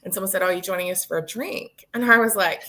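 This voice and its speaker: A woman in her late thirties joins a live stream over a video call as a guest, telling a story animatedly, laughing often and acting out quotes. She talks fast at medium pitch, and the recording is very noisy.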